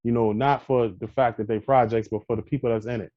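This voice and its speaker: A man's voice: medium pitch, fairly even intonation, fast, lo-fi sound. A man from Brooklyn with a New York accent, talking emphatically in a casual podcast conversation and tagging points with "all right". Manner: emphatic, peppers points with "all right" and "you know what I mean".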